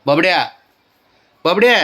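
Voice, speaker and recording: A man soothing his pet in gentle baby talk, coaxing it and repeating calm reassurances over and over. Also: high-pitched, unhurried. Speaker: pet owner vlogger.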